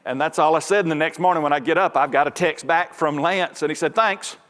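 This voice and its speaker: Male pastor, folksy storyteller who works up to loud preaching; fairly high voice, long reverb of a church hall. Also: fairly even intonation, fast talker. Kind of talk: sermon. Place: large church sanctuary.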